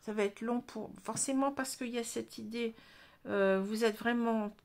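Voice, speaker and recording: A woman's voice: on the high side, fairly even intonation, normal speed, a little mellow. Chatty French woman reading tarot. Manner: chatty, frequent "hein" and restarts. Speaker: tarot card reader. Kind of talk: casual monthly tarot reading.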